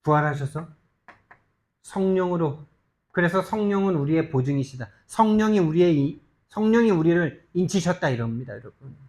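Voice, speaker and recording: Male pastor, slightly high-pitched, preaching emphatically; rhetorical questions, swings from urgent to hushed. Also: animated, normal speed. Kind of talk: sermon. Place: church sanctuary.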